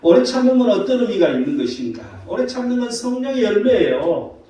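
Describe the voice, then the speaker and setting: A man with a fairly high, mellow voice preaches a Sunday sermon, pausing to ask the congregation rhetorical questions. He sounds distant from the microphone, and his voice rings through a very reverberant church hall. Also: very animated. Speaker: pastor. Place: church sanctuary. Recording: very echoey hall from far off.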